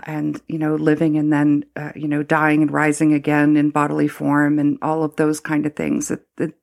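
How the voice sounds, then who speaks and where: Appearing as a guest in a thoughtful interview, a former Anglican priest, a middle-aged Canadian woman, reflects aloud in a low, slightly gravelly voice. She speaks haltingly, using fillers, restarting and looping back as she sorts out her thoughts.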